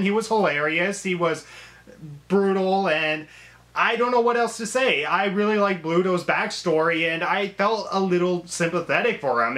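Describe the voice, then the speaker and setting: A man with a high, bright voice talks through a movie review in a loose, off-the-cuff way. He keeps filling gaps with "um" and restarting his sentences as he thinks aloud. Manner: rambling, heavy with "um" and restarts. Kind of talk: casual spoken review.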